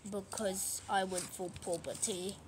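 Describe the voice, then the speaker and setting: Woman doing a deep voice for a toy, playful, slow, noisy home take. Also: flat delivery, lightly acted. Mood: mock-deep. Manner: playful, talking in a lowered voice. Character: toy character with a deep put-on voice. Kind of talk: pretend play with toys.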